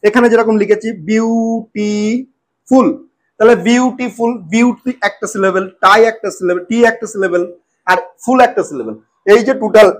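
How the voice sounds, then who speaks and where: High-voiced man teaching a lesson. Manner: repeats words slowly and checks in often. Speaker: English teacher. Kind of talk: spoken lesson.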